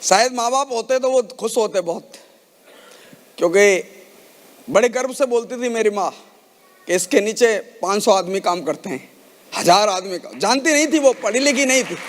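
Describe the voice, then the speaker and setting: Guy with a really high voice doing an emotional motivational speech, big hall echo all around. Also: animated, moderate pace, long pauses, a little hiss or hum. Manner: emotional, rallies the audience with questions. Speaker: network marketing speaker on stage. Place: large event hall. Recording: reverberant hall sound.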